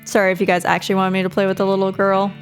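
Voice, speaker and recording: A woman's voice: medium pitch, completely flat delivery, rapid-fire, faint music behind. A woman doing casual video game playthrough commentary, reading the on-screen text aloud and adding her own remarks.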